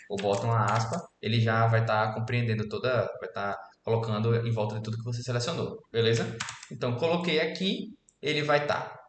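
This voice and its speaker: A man in his twenties from Alagoas, Brazil teaches programming via screen recording, explaining code in a relaxed way and regularly tossing in "beleza?" to check on students. His voice is mid-range, and the echoey room adds faint typing plus a little hiss or hum.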